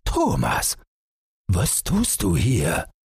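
A worried, kindly father musing to himself in a very deep, husky voice, as a man reading a story voices him. He speaks slowly and gently, with a troubled tone. The sound is dry and close. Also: wildly swooping pitch, no echo, heavily acted. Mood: musing, stern.

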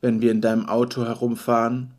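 A man's voice: mid-range voice, monotone, brisk, darkish tone. A young man co-hosting a podcast, reading song lyrics aloud and making dry jokes in casual banter. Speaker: podcast co-host.

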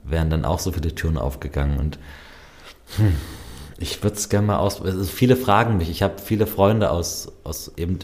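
A man talking in a relaxed, reflective way about his travels, often pausing with hesitations. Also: low voice. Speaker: guest, traveler. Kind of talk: casual conversation.

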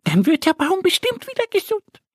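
A man voicing a small, eager girl duckling in a children's audio story, in a high, breathy childlike voice. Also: huge pitch swings, moderate pace, no room sound, clean studio sound, full character voice. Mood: cheerful.

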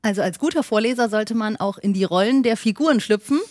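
A woman's voice: medium pitch, fast, a little mellow, no echo, studio quality. A woman hosting a podcast interview, asking friendly questions and summing up her guest's answers. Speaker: podcast host.

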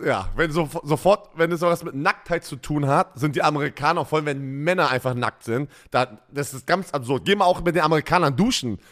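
A German man co-hosting a casual football chat, telling lively stories and laughing often. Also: a little high, a little fast, few pauses. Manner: animated storytelling, laughs a lot. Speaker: podcast co-host, former football player.

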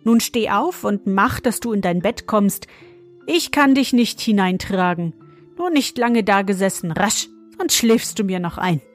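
A woman voicing a kind but brisk young wife in an ogre's house, urgent and bossy. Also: medium pitch, lively intonation, soft background music, close to an everyday voice. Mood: scolding.

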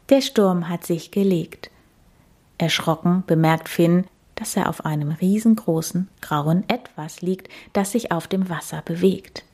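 A woman narrating a children's story in a soft, soothing, half-whispered voice. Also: medium pitch.

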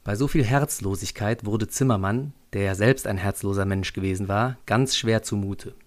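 A man's voice: on the low side, moderate pace. A man narrating a scripted story on a school podcast in a dry, lightly ironic way.

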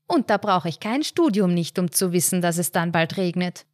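A woman voicing an excitable, stubborn elderly wife in a read short story. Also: fairly low pitch, normal speed, dry recording, clean studio sound, close to an everyday voice. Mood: excited. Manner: excited, insistent, triumphant.

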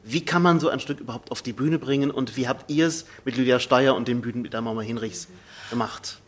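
A man with a husky voice, moderating a conversation in a wry, joking way. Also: mid-range voice, steady tone, fairly quick. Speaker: interview host, theatre presenter.

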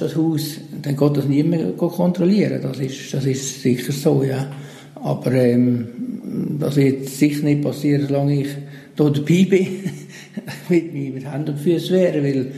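A man with a Swiss German accent, a solar cooperative manager calmly explaining technical details in an interview. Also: fairly high pitch, gravelly. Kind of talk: interview answers. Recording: roomy, reverberant room sound.

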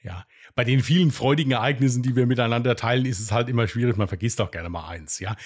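Podcast co-host, male, rapid and husky, self-mocking chatter. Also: medium pitch. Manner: fast, rambling, self-deprecating with restarts. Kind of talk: casual chat.

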